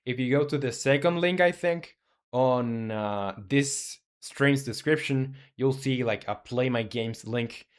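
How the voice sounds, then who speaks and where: A young game developer in his 20s thinks aloud while coding on a live stream, rambling with fillers and answering chat casually. His voice is mid-range and smooth at a measured pace.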